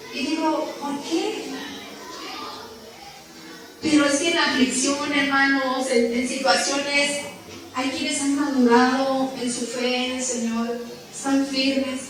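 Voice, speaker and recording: A woman preaches in a church hall, her high voice carrying through heavy echo. She stands some distance from the microphone and tells her story in a conversational way, stopping often for rhetorical questions. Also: fairly even intonation, takes it slowly, pauses often. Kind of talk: sermon. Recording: echoey room from far off the mic.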